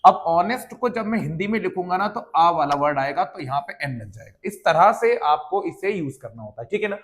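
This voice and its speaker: High-voiced Hindi-accented grammar teacher. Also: male voice, lively intonation, brisk, a bit bright. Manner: addresses students as dear children, repeats "ठीक है ना". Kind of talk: classroom lesson explaining slides.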